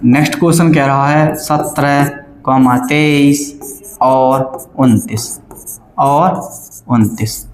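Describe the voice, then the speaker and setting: A man's voice: a little high, fairly even intonation, slow pace. Male math teacher, classroom lesson, keeps quizzing the students; roomy, echoey sound. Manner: keeps asking the class questions and checking they follow; works sums aloud step by step, repeating numbers. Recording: echoey classroom, faint background noise.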